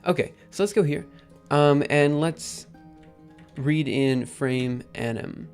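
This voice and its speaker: A man hosting a live coding stream, thinking aloud in a halting, casual way with many ums. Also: a little high, smooth, soft background music. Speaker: livestream host.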